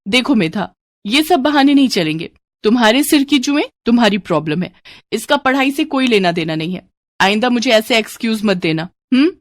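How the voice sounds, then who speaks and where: A woman voicing a strict, impatient female schoolteacher who talks in a sharp, scolding way in a storybook. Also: sits high, animated, moderate pace, few pauses, no echo, voice pushed up. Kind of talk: storybook voice acting.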